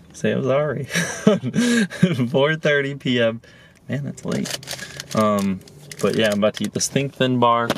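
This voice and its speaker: A man's voice: medium pitch, lively intonation, measured pace, slight background noise. A young man in his twenties vlogging casually to camera, chatty and joking with loose rambling talk. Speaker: vlogger and powerlifter.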